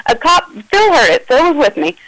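A woman's voice: sits high, moderate pace, no echo, poor audio. Agitated woman recounting a confrontation. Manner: agitated, animated retelling with quoted dialogue. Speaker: caller recounting an incident. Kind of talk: emotional first-person account.

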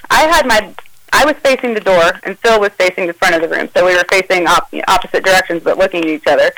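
On a rough recording with no room sound, a caller describes an incident she lived through. Her voice is medium-pitched and a bit bright as she agitatedly narrates a confrontation in the first person, performing the dialogue she quotes.

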